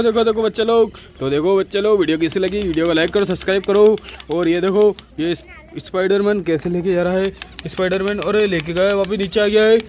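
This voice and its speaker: A high-voiced man narrates a toy adventure for young children. He talks eagerly and repeats words over and over, calling out to the kids again and again, with a faint room ambience behind him. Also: a little mellow, a little hiss or hum. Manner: eager, repetitive, addresses children constantly.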